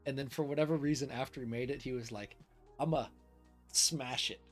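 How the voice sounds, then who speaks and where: A man co-hosting a podcast, telling a story in a relaxed, chatty way and steering the conversation. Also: mid-range voice, brisk. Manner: relaxed storytelling, leads the talk. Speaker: podcast co-host. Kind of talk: casual chat. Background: faint lo-fi music.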